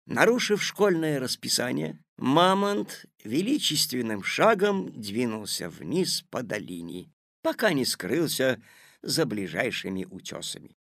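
A man reading a children's tale aloud as narrator, with expressive storytelling on a close studio mic. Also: mid-range voice, measured pace, gravelly, no room sound. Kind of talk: audiobook narration.

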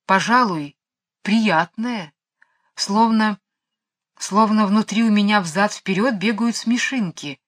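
A woman's voice: medium pitch, slow pace. A woman reading a storybook aloud, voicing a plaintive female cow who cannot stop dancing. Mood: musing. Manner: plaintive, complaining. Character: gloomy lovesick cow dancing nonstop, female.

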